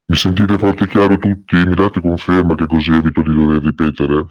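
A man's voice: deep voice, level tone, a little fast, lo-fi sound, a little hiss or hum. A man joining a heated online debate over a voice call, insistently repeating his questions. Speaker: debate guest.

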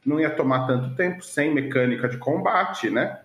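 A man with a Brazilian Portuguese accent telling casual game anecdotes in an animated way, acting out bits of dialogue. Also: a little high, normal speed. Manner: animated storytelling with quoted dialogue. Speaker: teacher who runs tabletop games. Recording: roomy sound with faint music.

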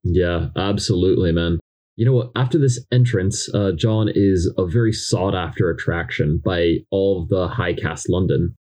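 Husky young man with dry sarcasm. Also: sits low, normal speed, mellow. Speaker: podcast co-host. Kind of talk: casual book discussion.

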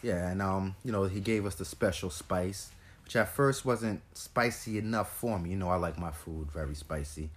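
A man's voice: low-pitched, normal speed. Easygoing man hosting a food vlog. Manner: easygoing, hesitant with many ums. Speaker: co-host. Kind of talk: casual food vlog chat.

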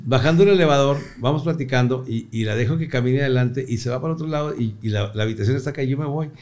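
Profane Mexican comedian telling stories. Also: male voice, medium pitch, racing, darkish tone. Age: middle-aged. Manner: profane, joking, laughs through his own stories. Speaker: comedian guest. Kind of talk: casual storytelling interview.

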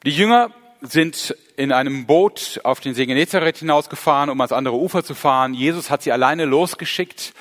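A man's voice: mid-range voice, fairly bright tone. Earnest German-speaking male preacher in a hall. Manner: earnest, storytelling with rising emphasis. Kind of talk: sermon.

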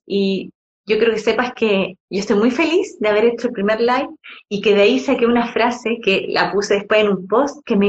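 Lady talking a lot on a live stream, a bit high, kinda dull lo-fi sound. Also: slight background noise. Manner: chatty, emotional, storytelling with many restarts. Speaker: host of a live conversation. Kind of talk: casual chat.

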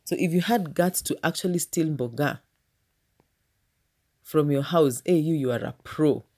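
A woman's voice: sits low, a little slow, a little mellow. A Kenyan woman with a Kenyan accent, a teacher telling a personal story in a casual, humorous vlog and speaking straight to her viewers.

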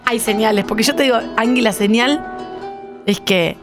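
Mujer rioplatense de reacciones expresivas. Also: female voice, fairly high pitch, moderate pace, music in the background. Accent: Rioplatense Spanish. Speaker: radio show co-host. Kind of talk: casual chat.

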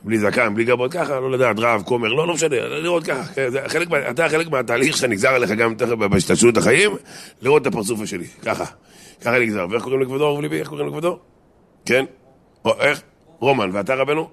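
Man, rabbi, lively Torah talk, jokey, asks listeners questions, middle pitch. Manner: animated, jokey, addresses listeners directly with questions.

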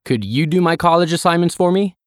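A woman's voice: on the low side, animated, normal speed, pitched below the performer's own voice, close to an everyday voice. A woman reading the part of an overwhelmed student in a scripted English dialogue, with a cheeky tone.

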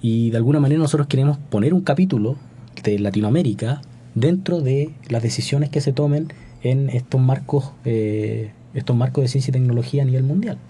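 A man's voice: medium pitch, fairly quick, warm tone, slight background noise. A Chilean man talking as a guest scientist in a casual podcast interview, thoughtful, with many restarts and tag questions.

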